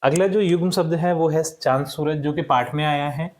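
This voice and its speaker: A young adult male teacher giving a recorded lesson to schoolchildren, repeating each word slowly and checking in with the class after each point. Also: a little high, darkish tone. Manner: addresses the class as children, checks with "ठीक".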